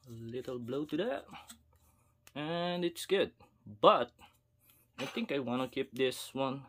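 A man hosting a fishing video slowly narrates a rod repair as a casual how-to while he works indoors at a wooden table. His medium-pitched voice has lively intonation. He is unhurried, pauses in self-talk and refers to viewers as "guys."

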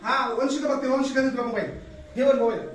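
A woman's voice: high voice, fast talker. A woman preschool teacher in a staged classroom skit, teasingly and insistently questioning the children. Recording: echoey room, far from mic, noisy.

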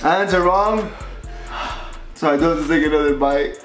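Young male vlog guest, slightly high, laid-back short replies; echoey bowling alley, faint music. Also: normal speed. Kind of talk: casual challenge vlog. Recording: roomy echo with music behind.

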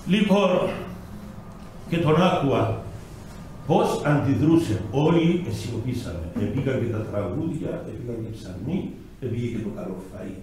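Older man, Cypriot Greek accent, bishop's sermon, loud and hushed turns, distant mic, faint hiss. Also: mid-range voice, animated. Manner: storytelling, acting out quoted voices, swings from loud to hushed. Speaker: bishop preaching. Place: small chapel, heard from a distance. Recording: echoey chapel, mic far off, faint hiss.

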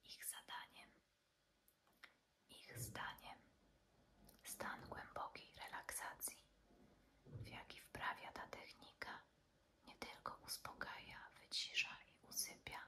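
Slow whispering woman, ASMR reading. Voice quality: soft breathy unvoiced whisper. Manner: slow, soothing bedtime reading. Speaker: ASMR creator reading an article aloud.

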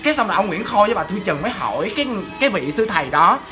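A woman telling a ghost story in a chatty, animated way, talking straight to her listeners. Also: medium pitch, racing, over music.

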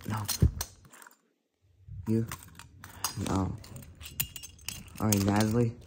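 Drawing out his words in a flat delivery, a man with a lowish voice hosts a homemade toy car elimination series over background noise. He names contestants in succession in a casual, meandering play-by-play, often correcting himself.

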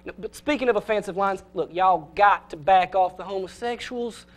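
A young man voicing a loud, blustering middle-aged football coach with a Southern accent in a comedy sketch. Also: high-pitched, fairly quick, natural voice. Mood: folksy. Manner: shouting pep-talk bluster.

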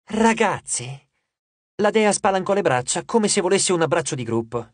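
Audiobook narrator, lively up-and-down reading, bit husky, dry close studio sound. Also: mid-range voice, no echo. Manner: expressive, measured storytelling.

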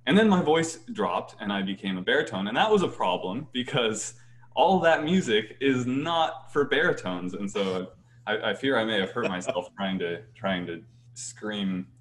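A young adult man, a choir bass singer appearing as a guest, chats casually and animatedly on a video call from a small bright room at home. His light voice sits on the low side, expressive at a moderate pace, and he often restarts sentences and laughs.

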